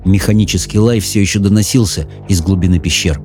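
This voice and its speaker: A man reading a children's fantasy audiobook in measured, even storytelling narration. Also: deep voice, faint music behind. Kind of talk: scripted narration.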